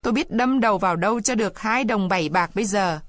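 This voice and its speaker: A poor peasant wife, as a woman reader puts her on, begging through tears in a higher voice. She pleads desperately and breaks into weeping complaints. The sound is close and dry, with no room around it. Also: lively intonation, moderate pace, no room sound, lightly acted. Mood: tearful. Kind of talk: storybook reading.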